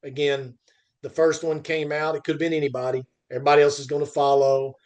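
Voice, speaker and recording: A podcast host and freight industry commentator speaks in an unscripted industry discussion, often restarting phrases and driving his points home emphatically. He poses questions and then answers them himself, in a halting style that repeats the starts of phrases. His voice is on the high side, a little mellow, with little pitch movement.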